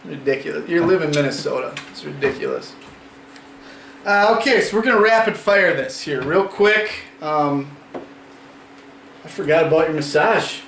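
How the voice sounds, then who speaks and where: Young male co-host, teasing and sarcastic, fairly high voice, echoey room with faint noise. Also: animated, moderate pace, creaky, fairly bright tone. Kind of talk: casual fantasy football chat.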